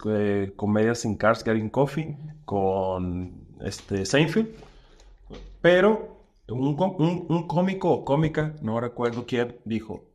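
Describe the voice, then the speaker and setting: Slangy comedian with a lively voice. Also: male voice, mid-range voice. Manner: slangy and animated, with lots of fillers. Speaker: stand-up comedian guest. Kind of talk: casual podcast chat.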